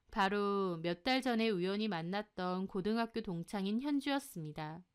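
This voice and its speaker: Smooth-voiced woman narrating a story. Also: medium pitch. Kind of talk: scripted first-person story narration.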